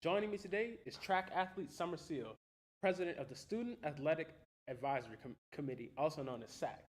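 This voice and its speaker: Fast-talking man hosting. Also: on the high side, lively intonation. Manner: quick, easygoing, casual Southern phrasing. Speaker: host. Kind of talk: campus sports interview show.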